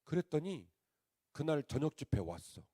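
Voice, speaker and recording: Man, pastor, sermon storytelling, very lively pitch, mellow tone, loud-to-hushed swings. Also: moderate pace, husky. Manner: animated storyteller, swings between loud outbursts and hushed asides. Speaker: pastor, revival preacher. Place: church sanctuary.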